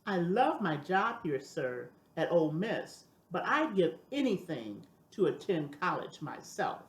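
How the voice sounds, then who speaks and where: A woman's voice: on the low side, sing-song, measured pace, reverberant. An older woman voicing an eager, polite young working man in a storybook, earnest and emphatic.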